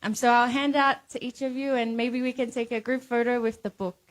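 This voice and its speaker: A woman's voice: on the high side, level tone, brisk, noisy background. A woman hosting a live pageant event, speaking to contestants and audience in a poised, earnest way. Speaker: pageant host.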